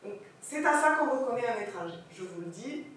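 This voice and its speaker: A woman French teacher giving an animated lecture on pronunciation, checking in with her audience as she goes. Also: fairly high pitch, a little fast. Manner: animated, corrects pronunciation, asks the audience questions. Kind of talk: lively classroom lecture. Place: lecture hall. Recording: echoey hall from far off, faint hiss.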